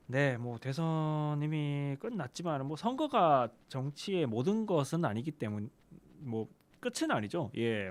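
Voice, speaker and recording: A man's voice: mid-range voice, darkish tone. Middle-aged guy on local radio, lots of ums and restarts, easygoing chat. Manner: hesitant, many fillers and restarts. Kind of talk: casual community news talk.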